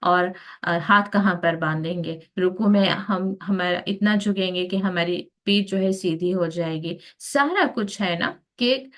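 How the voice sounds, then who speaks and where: A woman's voice: on the low side, measured pace, a bit bright. Woman giving a Quran lesson. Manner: explains step by step with many fillers; mixes English words into her speech. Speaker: Quran teacher.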